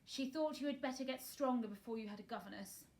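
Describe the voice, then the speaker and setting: Woman voicing a tremulous, high-pitched little girl. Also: fast talker, a little mellow, close to an everyday voice. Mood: nervous, earnest. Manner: breathy gasps and tremulous, quavering pleading. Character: timid, eager, anxious little girl.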